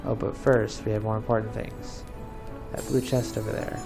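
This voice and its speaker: A let's player's lowish voice, full of vocal fry, runs at normal speed with a level tone. He grumbles and snipes sarcastically in a casual way while playing, speaking off camera over the game's music.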